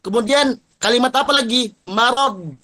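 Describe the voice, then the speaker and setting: A man with an Indonesian accent teaching tajwid, slowly chanting example words and contrasting right and wrong readings. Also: high voice, bright, forceful tone. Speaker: Quran recitation teacher. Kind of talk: tajwid lesson with recited examples.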